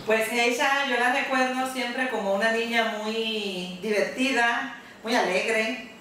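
A woman's voice: fairly high pitch, steady tone, slow pace, sharp tone, slight background noise. A middle-aged woman fondly recalling family memories, seated on a couch in a living room. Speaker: family member of contestant. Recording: roomy, distant sound.

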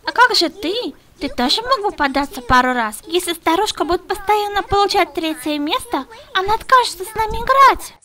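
A woman's voice: very high voice, expressive, brisk, few pauses, pushed and bright, heavily acted. A woman voicing a cheeky, teasing little pirate girl in a fan-dubbed video game. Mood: grumbling.

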